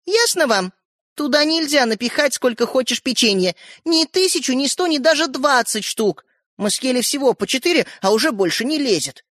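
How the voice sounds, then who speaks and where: A woman's voice: high voice, expressive, normal speed, a bit bright, dry recording, studio quality, voice pushed up. A woman doing a bossy, scornful older sister. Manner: mocking, scolding. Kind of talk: audiobook character reading.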